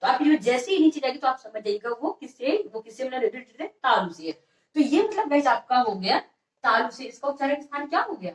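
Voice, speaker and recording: A woman's voice: high voice, echoey room, recorded from a distance, poor audio. A woman teaching an exam-prep grammar lesson, repeating each question and answering it herself.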